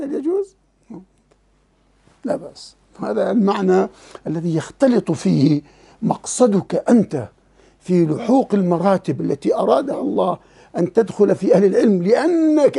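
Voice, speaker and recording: Gravelly, husky-voiced teacher. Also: male voice, sits high. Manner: emotive and animated, often laughing and repeating words while he thinks; asks students rhetorical questions. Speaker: teacher of Islamic legal theory. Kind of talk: classroom lecture explaining a text to students.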